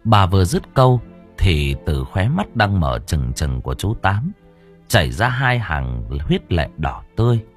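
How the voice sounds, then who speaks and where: A man narrating an audio novel with expressive storytelling. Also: low voice, measured pace, faint music behind.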